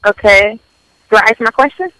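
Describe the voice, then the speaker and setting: A woman's voice: mid-range voice, lively intonation, a little fast, fairly bright tone, clear, resonant tone, no echo. A woman calling in to a radio show over a phone line, talking casually and a bit hesitantly. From Florida. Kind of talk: casual chat.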